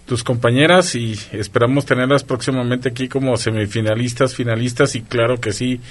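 A man's voice: medium pitch, steady tone, fairly quick. Man giving brief radio congratulations. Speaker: sports radio co-host. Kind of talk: radio interview.

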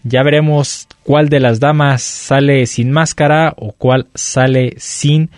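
A man with a Mexican accent hosts a lucha libre show, presenting the match card conversationally and pausing as he finds his words. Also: mid-range voice, fairly even intonation, no room sound, clean studio sound.

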